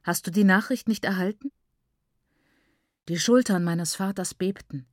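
A woman reads a novel aloud in first person, calm and somber, in a mid-range voice. The recording is dry and close, with no room around it. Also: mid-range voice, unhurried, no echo. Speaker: audiobook narrator. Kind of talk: scripted first-person narration.

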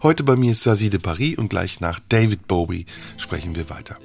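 A man's voice: low-pitched, animated, a little fast, creaky, faint music behind. A man hosting a radio interview, asking probing, thoughtful questions. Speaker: radio host. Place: radio studio. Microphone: studio microphone.

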